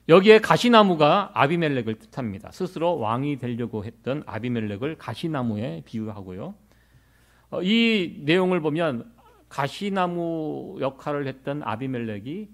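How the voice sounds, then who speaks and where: Animated middle-aged Korean-born male pastor. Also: on the high side. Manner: lively, conversational preaching with rhetorical questions. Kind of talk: sermon.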